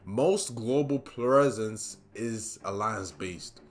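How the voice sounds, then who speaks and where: A man's voice: fairly low pitch, takes it slowly. A man hosting a solo commentary show, speaking emphatically, repeating key points for stress and slipping in casual asides to the listener. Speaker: podcast host.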